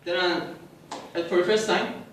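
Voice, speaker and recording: A club speaker from Pakistan, in his 20s, delivers a prepared personal speech at a measured pace, his high-pitched voice steady and a bit bright. He asks the audience questions and restarts phrases now and then. A distant mic records him in a very echoey club meeting room, with a little hiss or hum.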